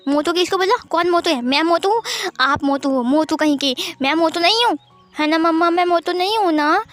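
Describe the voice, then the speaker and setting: A woman voicing a clingy little boy who whines and pleads in drawn-out words. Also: extremely high pitch, a bit bright. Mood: whiny pleading. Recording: faint background music.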